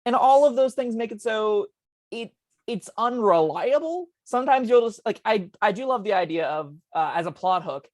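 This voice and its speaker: A woman co-hosting a casual tabletop game podcast, talking in quick chatty bursts with plenty of ums. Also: on the high side, expressive, a little mellow, no echo. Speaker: co-host discussing tabletop spells.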